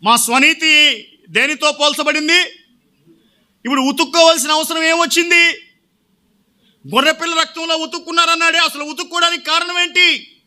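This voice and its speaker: A man's voice: very high voice, steady tone, moderate pace, long pauses, sharp tone. A male pastor preaching a sermon, often putting questions to the congregation and answering them himself.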